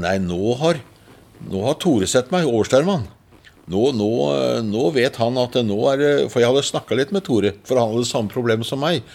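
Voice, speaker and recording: An older man from Norway, a singer and preacher, tells a personal testimony in an unhurried storytelling manner, acting out his past thoughts as quotes and often repeating words. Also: lowish voice. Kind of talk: personal testimony told in an interview.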